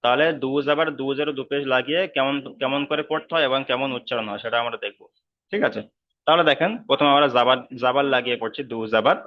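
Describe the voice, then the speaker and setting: A man teaching Quran reading in an online class, patient, repeating each sound slowly over a video call. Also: mid-range voice. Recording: slightly dull online call audio.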